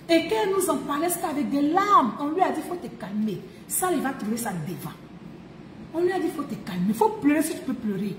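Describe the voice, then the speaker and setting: A woman's voice: sits high, slight background noise. A woman streaming live, giving relationship advice emphatically, laughing often and repeating her key phrases. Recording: echoey room.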